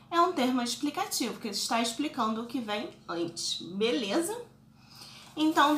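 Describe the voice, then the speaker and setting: A woman's voice: on the high side, bright, forceful tone, roomy sound, slight background noise. A woman teaching children a recorded lesson, explaining patiently step by step and checking in often. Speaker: schoolteacher.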